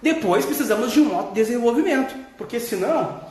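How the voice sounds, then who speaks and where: A man's voice: extremely high pitch, expressive, quick pace, faint music behind. A man with a Gaúcho Brazilian accent, a therapist talking candidly in a casual vlog, swearing freely and laughing as he talks. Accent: Gaúcho Brazilian Portuguese. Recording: echoey room.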